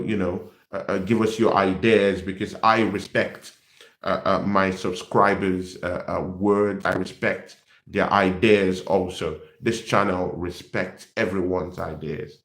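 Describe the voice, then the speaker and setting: A young man from Nigeria hosting a football channel in casual live-stream chat, animated and repetitive, calling his viewers "people". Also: fairly low pitch, echoey room.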